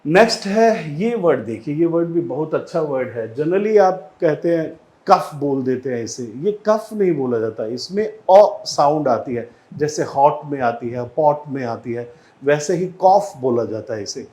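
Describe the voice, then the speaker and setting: A man with an Indian accent teaching an exam-prep English lesson, explaining slowly and repeating each word for drill. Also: fairly high pitch, lively intonation, darkish tone.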